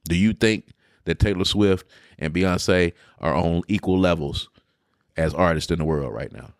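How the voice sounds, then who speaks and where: A man co-hosting a podcast in casual chat, animated and blunt with his opinions. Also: deep voice, moderate pace, no echo, clean studio sound. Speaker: podcast co-host.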